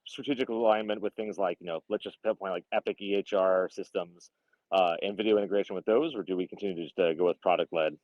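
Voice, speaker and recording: A man speaking as a startup founder on a video call. He thinks aloud quickly with fillers, and his microphone audio is clipping and distorted. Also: sits low, steady tone, dry recording. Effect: clipping, distorted mic audio. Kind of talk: casual video call discussion. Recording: dull lo-fi call audio, dry.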